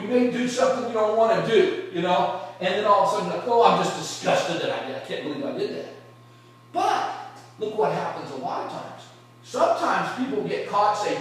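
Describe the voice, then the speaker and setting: Guy teaching psych class, kinda high voice, lots of rhetorical questions, mic far off. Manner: asks rhetorical questions, acts out examples. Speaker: psychology instructor. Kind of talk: classroom lecture. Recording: very echoey room, far from mic.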